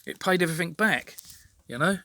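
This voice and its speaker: A man's voice: high voice, brisk, pushed and bright, dry recording. A man venting in an exasperated, sweary rant monologue to his own channel, repeating himself as he talks. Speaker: vlogger.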